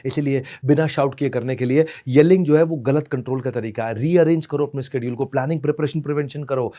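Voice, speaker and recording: A man's voice: medium pitch, fast, dark tone. A man giving a motivational parenting seminar. He speaks theatrically, uses rhyming lines and mixes English into Hindi. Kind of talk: stage seminar talk.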